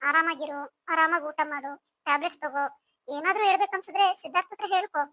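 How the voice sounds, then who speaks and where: A woman's voice: very high-pitched, fast, pushed and bright, no room sound. A woman voicing a caring older sister figure in a cartoon story, coaxing and soothing as she talks.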